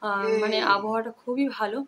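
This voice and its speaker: Fast-talking Bengali woman with Medinipur tone. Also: mid-range voice, fairly even intonation, fairly bright tone. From Kolkata, West Bengal. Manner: rapid, run-on talk with many fillers. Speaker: vlogger. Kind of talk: casual home vlog chat. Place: home, indoors.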